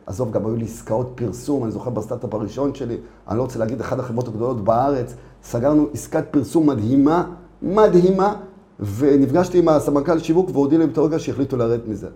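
In a casual conversational interview, a middle-aged startup founder with an Israeli accent shares his story in an informal way, repeating himself as he goes. He lives in Israel, having immigrated from Latvia at age four, and his voice is medium-pitched and mellow.

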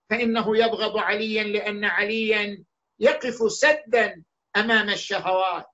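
A man preaching a sermon in an emphatic, declamatory way, slowing on key words and rising in force at times. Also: very high voice, sharp tone, highs cut off. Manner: emphatic, declamatory, with slow stressed words and raised outbursts.

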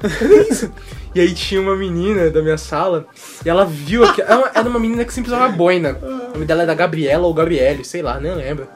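A man in casual chat, telling childhood school stories with animated energy and frequent laughter. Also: high-pitched, quick pace, faint music behind.

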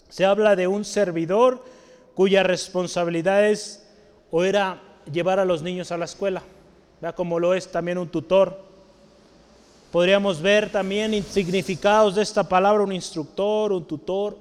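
A man teaching a Bible study, explaining word roots slowly and quizzing the congregation with tag questions. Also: sits high, a little mellow. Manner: asks the audience questions often, tag questions like "¿sale?". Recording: long hall reverb.

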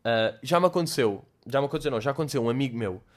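A young man with a European Portuguese accent, chatting casually as host answering listener questions, animated and swearing, dropping in English slang. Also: mid-range voice, very fast. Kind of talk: casual chat.

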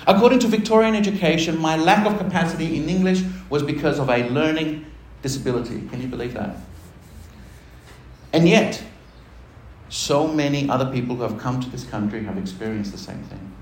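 A pastor delivers a personal testimony sermon in a church hall, and the roomy acoustics come through on the recording along with a slight hiss or hum. His voice is a little high and a little fast, and he keeps things conversational and self-deprecating, laughing along with the congregation.

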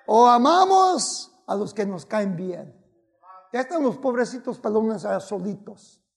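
Man preacher, gravelly voice, high pitch, unhurried, bilingual sermon. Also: animated. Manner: switches between Spanish and English, exclaims and shouts at peaks.

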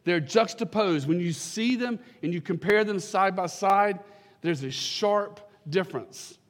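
In a big-sounding sanctuary, a high-pitched, unhurried pastor opens in prayer at the pulpit microphone. He then works up to fervent, emphatic declarations as the sermon goes on.

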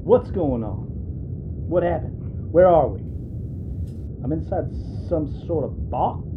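An actor playing an irritated, sarcastic Old West gambler in an audio drama. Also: male voice, a little high, lively intonation, slow pace, phone-quality sound, noisy background. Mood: confused alarm. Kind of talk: audio western drama acting.

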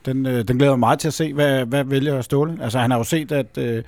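A man co-hosting a casual football podcast, talking haltingly with many fillers and trailing off quietly. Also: mid-range voice, steady tone, dry recording. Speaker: podcast co-host.

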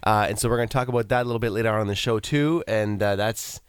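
A man with a hoarse morning voice, hosting a casual radio show in the studio and rambling with many fillers. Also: on the low side, fast, no room sound. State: hoarse voice after a concert. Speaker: radio show host and real estate broker. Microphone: studio microphone.

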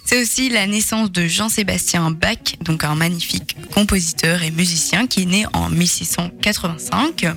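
A woman's voice: fairly low pitch, normal speed, hardly any pauses, fairly bright tone, soft background music. A young woman with a Belgian French accent co-hosting a radio show, chatty and playful, laughing often. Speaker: radio co-host presenting a daily history segment. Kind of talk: lively radio chat.

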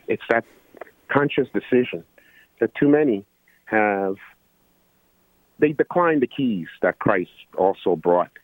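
A man from Guyana, an electrical engineer, calling in to a talk show and making his point earnestly, with many pauses and fillers. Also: fairly low pitch, dry recording, phone-quality sound. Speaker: caller. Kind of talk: call-in radio talk.

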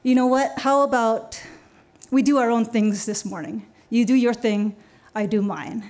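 A woman's voice: a little high, unhurried, darkish tone. A woman quoting her stubborn, blaming mother. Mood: defensive.

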